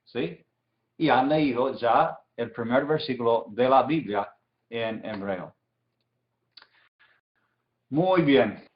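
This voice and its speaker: A man teaching an online language lesson, giving exercises patiently and repeating each word slowly for his students. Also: mid-range voice, reverberant, lo-fi sound.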